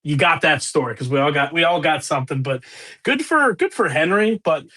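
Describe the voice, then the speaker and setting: A young man with a Pittsburgh accent co-hosts a casual sports podcast. His voice sits a little high with a bright, forward tone, and he talks loosely and laughs easily. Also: a little fast. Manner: laughs often, loose and excitable. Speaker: podcast co-host.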